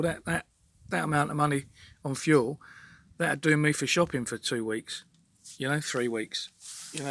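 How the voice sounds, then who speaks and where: A man's voice: medium pitch, a bit bright. A man venting in an exasperated, sweary rant monologue to his own channel, repeating himself as he talks. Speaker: vlogger.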